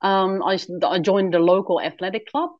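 A woman's voice: mid-range voice, normal speed, dry recording, lo-fi sound. A Dutch woman in her forties with a Dutch accent, a guest speaking candidly in an interview and laughing easily. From Netherlands. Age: 40s. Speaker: guest, author and traveler. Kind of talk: conversational interview.

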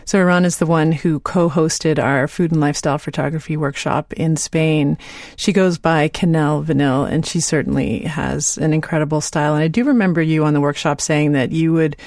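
Woman podcast host, lowish voice, dry close sound, laughs a lot. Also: steady tone, a little fast, darkish tone, dry recording. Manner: friendly, laughs easily. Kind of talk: conversational interview.

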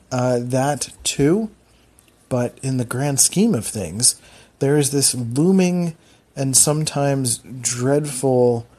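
This Philadelphia man hosts a casual solo podcast, rambling along in a self-deprecating way with a thick Philly accent. His voice sits at a medium pitch and carries a darkish tone.

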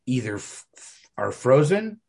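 Creaky, slightly mellow and breathy at the edges, his medium-pitched voice swings widely in pitch while keeping a measured pace. He's a podcast co-host picking apart a story in an offhand, analytical manner, emphatic and rambling, with "like" in nearly every sentence.

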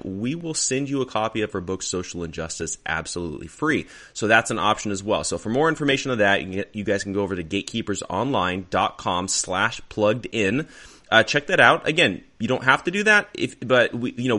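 A man's voice: on the low side, sharp tone. A man hosting a podcast, talking in a casual, conversational way as he introduces the show and guest. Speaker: podcast host.

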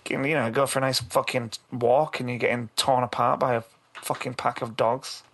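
Rambling, self-deprecating British co-host. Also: male voice, medium pitch, flat delivery, fairly quick, a bit bright. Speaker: podcast co-host. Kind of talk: casual chat.

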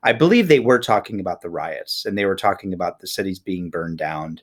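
A man's voice: low-pitched, lively intonation, brisk. A man co-hosting a podcast in casual political talk, tired from an early start, often stammering and repeating words as he begins. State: tired, up since early morning. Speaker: podcast co-host.

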